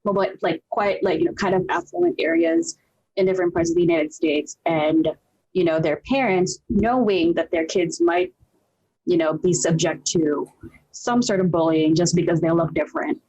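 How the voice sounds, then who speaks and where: A woman's voice: on the low side, animated, normal speed, mellow, highs cut off. A young woman from the Philippines, co-hosting a casual group chat, talkative and swearing freely. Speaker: podcast co-host.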